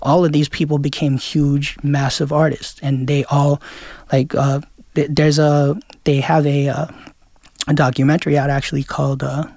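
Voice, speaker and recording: A man's voice: fairly high pitch, level tone, moderate pace, creaky, a little mellow, no echo, studio quality. A man from Queens, a DJ guest talking loosely in an interview, full of fillers and restarts. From Queens, New York. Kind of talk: casual interview chat.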